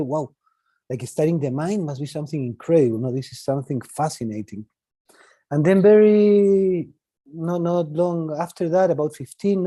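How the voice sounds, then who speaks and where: A Chilean man in his forties speaks in an informal, conversational talk, with a Chilean accent from his native Spanish. His voice is very dark and relaxed, with a husky grain. He often ends phrases on a questioning tag, and the sound is dry and close. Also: a little high, no room sound. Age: 40s. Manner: tags sentences with a questioning "no?". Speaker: guest speaker.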